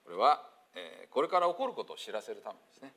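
A man from Hiroshima with a Hiroshima accent, a pastor giving a chatty sermon full of fillers. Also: fast. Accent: Hiroshima Japanese. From Hiroshima, Japan. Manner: chatty, many fillers, lively pitch swings. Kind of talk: casual sermon talk with quiz review.

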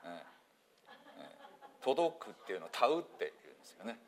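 A man from Hiroshima with a Hiroshima accent, a pastor giving a chatty sermon full of fillers. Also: fairly quick. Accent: Hiroshima Japanese. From Hiroshima, Japan. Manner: chatty, many fillers, lively pitch swings. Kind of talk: casual sermon talk with quiz review.

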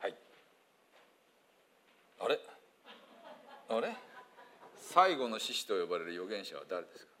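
A man from Hiroshima with a Hiroshima accent, a pastor giving a chatty sermon full of fillers. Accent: Hiroshima Japanese. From Hiroshima, Japan. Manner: chatty, many fillers, lively pitch swings. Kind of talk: casual sermon talk with quiz review.

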